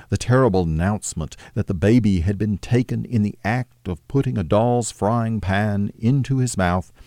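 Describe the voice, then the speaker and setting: A man narrating a classic novel as an audiobook, with measured, steady storytelling. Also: on the low side, no room sound, studio quality.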